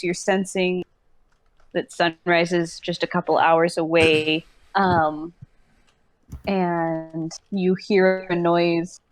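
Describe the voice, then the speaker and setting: A woman narrating a tabletop game as game master, thinking aloud with hesitant pauses. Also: on the low side.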